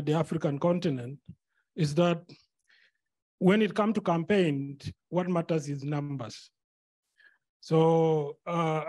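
A man's voice: on the high side, a little mellow. South sudanese guy at a conference, handheld mic, earnest and repeating himself for emphasis. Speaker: conference attendee, NGO director. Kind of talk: floor comment at a panel. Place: conference hall.

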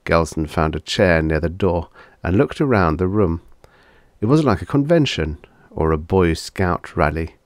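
Reading vintage science fiction aloud, this male audiobook narrator uses a low voice and a measured, dramatic delivery with lively intonation. The sound is close-miked and dry, with almost no room and no echo.

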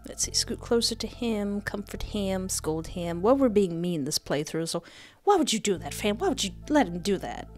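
Music plays behind a young adult woman hosting a gaming video, where she shifts between reading text aloud with drama and chatting casually. Her mid-range, darkish voice is animated and moderately paced, captured up close by a desk microphone with a headset.

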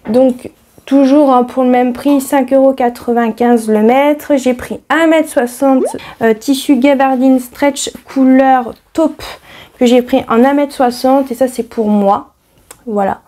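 A woman's voice: high-pitched, steady tone, measured pace, dark tone. A woman chatting casually to camera about fabrics she bought, with many fillers and self-corrections. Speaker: sewing vlogger. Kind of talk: casual fabric haul chat.

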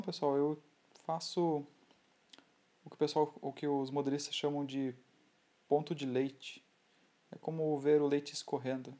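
A man with a Brazilian Portuguese accent explaining scale model building in a relaxed, halting way, often restarting his sentences. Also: fairly high pitch. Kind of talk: hobby tutorial voice-over.

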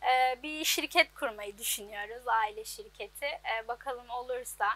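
A young woman in her twenties with a high, bright voice answers an interviewer. She talks simply, often hesitating with small fillers. She stands in an outdoor laundry workshop. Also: normal speed. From Turkey. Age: 20s. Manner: plain, hesitant with many fillers. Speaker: business owner.

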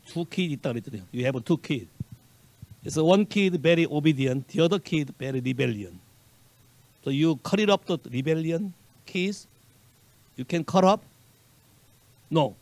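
Animated high-voiced Korean pastor preaching. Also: male voice, no room sound. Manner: animated preaching, mixing Korean with English phrases, quizzing the congregation. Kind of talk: sermon. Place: church sanctuary.

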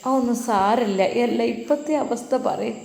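A woman voicing an elderly, pious, protective mother who speaks in a soft, tender way. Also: on the high side, normal speed, creaky. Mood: gentle coaxing. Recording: echoey roomy recording with long reverb.

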